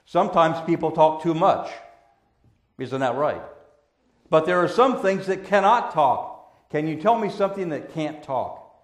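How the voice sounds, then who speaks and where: A man preaching a children's sermon as a pastor, gentle and patient like a Sunday school teacher, using simple words and questions. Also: fairly high pitch, lively intonation, measured pace. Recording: echoey room.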